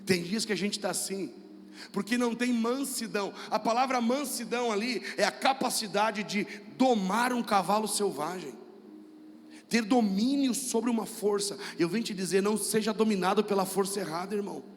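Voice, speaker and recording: A man's voice: sits high, normal speed, big-room sound, a little hiss or hum. A man with a Brazilian Portuguese accent preaching a sermon as pastor, emphatic and repetitive, calling on the congregation to repeat after him. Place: church hall with music.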